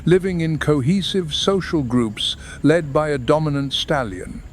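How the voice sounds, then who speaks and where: A man narrating a scripted nature documentary in a measured, dramatic delivery. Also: a little high. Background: background music.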